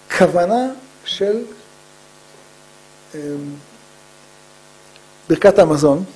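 A man teaching a religious lesson from the pulpit, his voice pitched high for a man yet mellow and soft at the edges. He has a slightly husky, unpolished tone. He poses rhetorical questions, answers them himself, and leans on repeated phrases, with frequent "uh" pauses between thoughts. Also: low-quality recording. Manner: emphatic repetition of key phrases. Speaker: rabbi giving a Torah lesson.

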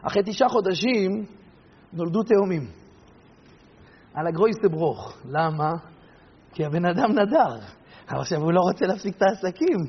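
A man preaching a sermon and telling stories, acting out the people in them with animated delivery. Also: sits high, breathy edge. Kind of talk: sermon with storytelling. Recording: dull recording with long hall reverb.

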